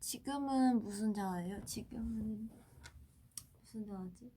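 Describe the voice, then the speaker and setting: A woman in her twenties hosting a casual livestream, chatting playfully with fans and often dropping to a hushed tone. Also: fairly high pitch, slow, slight background noise. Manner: playful, often drops to a soft hush. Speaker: idol livestream host. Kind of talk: casual livestream chat, answering fan comments.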